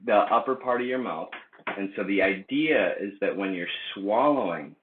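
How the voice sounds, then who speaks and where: A man's voice: lowish voice, animated, normal speed, a little hiss or hum. A man in his late twenties from the United States, rambling through a casual vlog with lots of fillers and restarts. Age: late 20s. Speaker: vlogger. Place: indoor room. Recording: echoey room, tinny phone-like sound.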